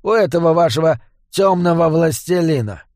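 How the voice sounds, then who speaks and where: A man voices a cocky, mocking little goblin sorcerer who talks in slang, pitching above his own voice and acting lightly. The tone is fairly high and darkish, with lively intonation at a moderate pace, recorded clean in a studio with no echo.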